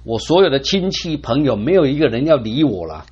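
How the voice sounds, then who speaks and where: Man doing anguished old sufferer, pleading, lamenting, husky, lively pitch, dull lo-fi sound. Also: fairly quick.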